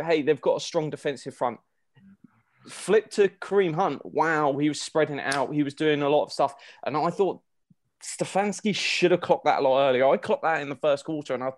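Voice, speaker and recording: A man with a fairly high voice talks through sports analysis in a casual podcast style. He thinks aloud in a halting way, and the recording is dry and close, without room sound. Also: no echo. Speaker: podcast co-host analysing games.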